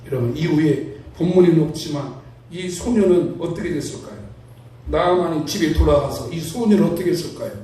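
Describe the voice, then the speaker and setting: A man's voice: a little high, fairly quick, dark tone. A male pastor delivering a sermon, telling stories animatedly and acting out the characters. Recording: very echoey hall, heard from a distance.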